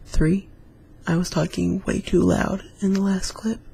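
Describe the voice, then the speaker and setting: A man's voice: sits high, flat delivery, a little slow, gravelly, mellow, slightly rough. A man casually reading scary stories aloud, with chatty, rambling asides between them. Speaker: YouTube storyteller.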